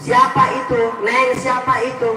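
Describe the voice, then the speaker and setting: A man voicing a frightened, sick unbelieving villager during a story in his sermon, muttering in a lower, worried voice. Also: completely flat delivery, moderate pace, echoey room, long reverb tail, far from the mic, music in the background. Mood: fretful.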